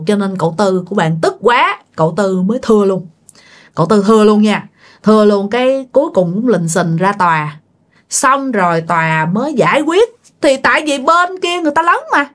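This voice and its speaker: A woman with a Southern Vietnamese accent tells a story in a casual, chatty way. She speaks straight to her listeners in an animated, everyday voice with a mid pitch.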